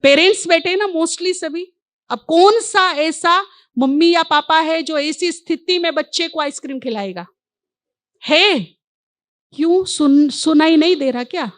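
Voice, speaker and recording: A woman's voice: very high voice, measured pace, no echo, studio quality. A woman spiritual teacher speaking to a live audience. She poses rhetorical questions, answers them herself, and repeats key words for emphasis.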